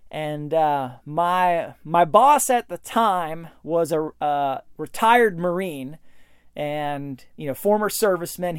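A man hosting a solo hunting podcast, telling a story in a rambling way with many fillers and restarts, getting animated when he quotes others. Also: sits high, clean tone, dry recording, studio quality. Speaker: podcast host.

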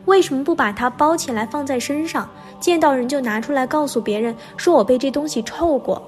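A woman's voice: high-pitched, soft background music, lightly acted. Patient old monk, read by a woman. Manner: gentle, unhurried questioning. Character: calm, patient elderly male monk teacher.

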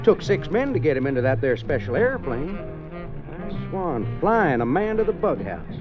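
An actor playing a folksy, bemused cowboy with an in an old radio drama. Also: male voice, on the high side, sing-song, a little slow. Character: folksy male cowboy onlooker, plain-spoken and bemused. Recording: dull old radio recording, music behind.

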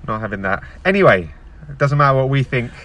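A man's voice: mid-range voice, animated, fast, fairly bright tone. A man hosting a casual football podcast, recorded outdoors in a car park. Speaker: podcast host. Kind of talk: casual sports podcast chat.

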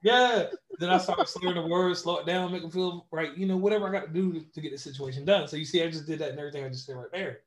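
A man with a West Virginian accent chats casually as a podcast co-host. He speaks in a fairly high voice, tells animated stories and doubles up words for emphasis. The sound carries a noticeable echo from the room. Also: very fast, hardly any pauses, a little hiss or hum. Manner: animated storyteller, repeats words for emphasis, laughs often. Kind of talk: casual chat.

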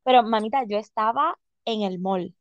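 A woman's voice: a little high, normal speed, no echo, dull audio. A woman, co-hosting a gossip chat, telling stories animatedly with English words mixed in. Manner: animated storyteller, exclaims and mixes English. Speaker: podcast co-host.

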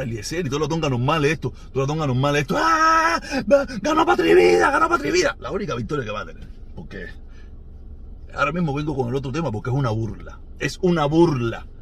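A Cuban man with a Cuban Spanish accent hosting his podcast, who rants in an animated, mocking way and repeats himself often. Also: fairly high pitch, husky. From Cuba. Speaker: podcast host. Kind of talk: ranting commentary monologue.

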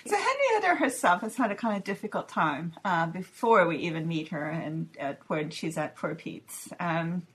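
A woman's voice: fairly low pitch, expressive, moderate pace, hardly any pauses, fairly bright tone, slightly rough. A woman host asking an author questions in an engaged, prompting way. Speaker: interview host. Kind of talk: interview questions.

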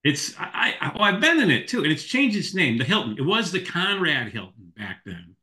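Guy chatting off the cuff, forceful voice, up and down a lot, rambles. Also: a little high, very animated, moderate pace. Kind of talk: casual political chat.

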